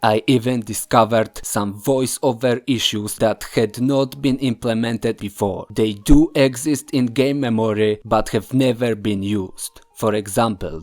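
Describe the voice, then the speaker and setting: A man's voice: lowish voice, a little mellow. A man narrating his own video in a scripted but casual way, emphatic and repeating phrases for effect. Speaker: video maker narrating his own game hacking project.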